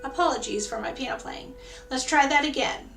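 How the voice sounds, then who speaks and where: A woman's voice: sits high, fairly quick, music in the background. A woman leading an online choir rehearsal, encouraging singers and teaching a simple round by ear, her voice a little tired. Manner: encouraging, coaching call-and-response, sings demonstrations. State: voice tiring. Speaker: choir director. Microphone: video call.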